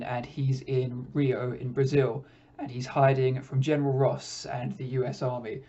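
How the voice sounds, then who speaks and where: A man talks through a film review in a relaxed, conversational way, pausing often with small hesitations. His voice is dark and mellow, and his delivery stays fairly flat and even. The recording sounds dull and lo-fi. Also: medium pitch. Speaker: podcast host reviewing films. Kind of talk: casual film review monologue.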